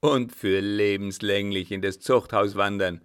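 A man's voice: fairly low pitch, measured pace, pushed and bright, smooth. A man doing a harsh, menacing old captain. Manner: hard, commanding, menacing. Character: harsh, threatening old sea captain, male.

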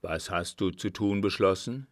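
A man reading an audiobook voices a gruff old field marshal who bursts out loudly with blunt oaths. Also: sits low, a little slow, dry recording, clean studio sound. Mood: gruffly tender. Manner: loud blunt outbursts and oaths.

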